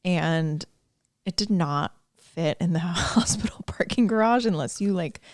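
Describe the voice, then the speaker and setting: A woman's voice: lowish voice, a little slow, a little mellow, no room sound, studio quality. A woman, a podcast host telling a story in casual chat, laughing often and acting out quoted lines. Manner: chatty, laughing, fond of quoted asides.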